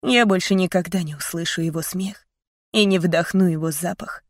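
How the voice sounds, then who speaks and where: A woman's voice: on the low side, normal speed, no echo, clean studio sound. A woman narrating an audiobook in first person, earnest and heartfelt.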